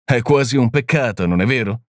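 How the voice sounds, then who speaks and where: A man reading the part of a small, gentle priest-detective who explains things calmly and patiently. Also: medium pitch, a little fast, no echo, studio quality, lightly acted. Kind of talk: audiobook reading.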